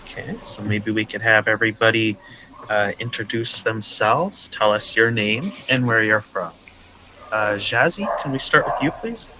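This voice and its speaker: A man from the teaching a beginner English class over a video call, patient and clear, with a friendly welcoming manner. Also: on the low side, moderate pace, noisy background. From United States, Minnesota. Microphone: video call headset or webcam mic.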